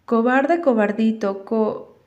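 A woman voicing a rough schoolboy bully who taunts in a singsong. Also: fairly high pitch, slow pace, darkish tone, lo-fi sound. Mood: taunting.

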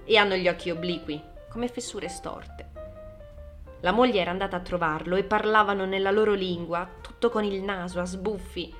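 Una donna che legge la parte di una giovane immigrata spaesata e chiacchierona in un audiolibro, con un tono vivace e preoccupato, tra una cosa e l'altra. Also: female voice, medium pitch, normal speed, soft background music, natural voice. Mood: bewildered. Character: young immigrant woman, chatty and bewildered. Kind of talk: audiobook dialogue reading.

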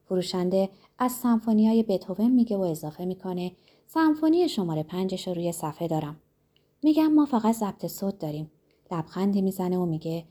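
Gentle, mellow woman narrating a story. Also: lowish voice, breathy edge. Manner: gentle, reflective storytelling with voiced dialogue. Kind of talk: audiobook narration of a novel.

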